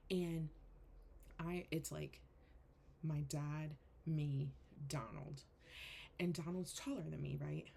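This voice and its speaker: A young woman, a spiritual coach, recounts a hard personal story on her vlog. Her voice sits low and crackles with steady vocal fry. She speaks earnestly and haltingly, leaning on "like" as she goes.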